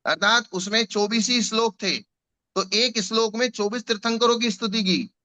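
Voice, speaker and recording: A man's voice: high voice, normal speed, bright, forceful tone. A man teaching a scripture class, explaining patiently with examples and repetition.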